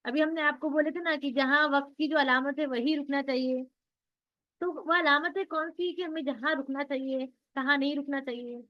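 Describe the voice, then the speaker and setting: This is a high-voiced woman speaking at a moderate pace with fairly even intonation. She's running an online class on Quran recitation rules, explaining patiently and answering the questions she raises herself. The recording sounds dull and lo-fi.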